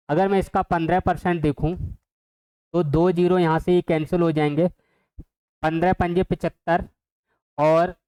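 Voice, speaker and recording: A man's voice: sits high, a little mellow, clear, resonant tone, low-quality recording. A man teaching an exam-prep math lesson, who keeps asking the viewers questions and then answers them himself.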